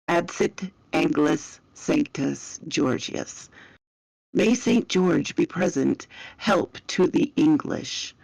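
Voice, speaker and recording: Slow, gravelly woman storyteller. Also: on the low side, no echo, rough recording. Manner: slow, measured, dramatic. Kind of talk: dramatic story narration.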